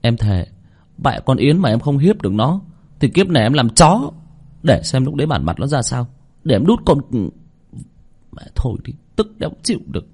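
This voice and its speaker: A man's voice: medium pitch, very animated, moderate pace, darkish tone, breathy edge, pitched above the performer's own voice. A man voicing a hot-headed young male servant ranting and swearing, in a read-aloud story. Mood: furious. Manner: angry swearing rant.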